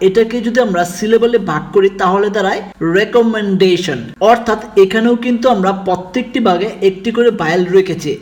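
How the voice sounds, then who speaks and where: Brief: man with a high voice, measured step-by-step narration for an English pronunciation lesson. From Bangladesh. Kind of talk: scripted instructional narration.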